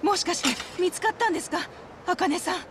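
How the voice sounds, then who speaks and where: In a video game cutscene, an actress voices a polite, composed middle-aged orphanage worker who speaks formally and with worry. Her female voice is very high and a little fast, set against a noisy background.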